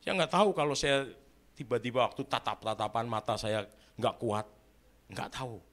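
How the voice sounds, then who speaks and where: A man's voice: medium pitch, normal speed, a bit bright. A male pastor, telling a story in a dramatic sermon and often turning to address his listeners.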